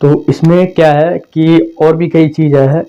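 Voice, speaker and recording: A man with a slightly high, fairly monotone voice speaks a little slowly, his tone dark and clean. He's a teacher running a conversational exam-prep lesson, going over points again and acting out phrasings to show what they mean. It sounds like a dull, lo-fi home recording.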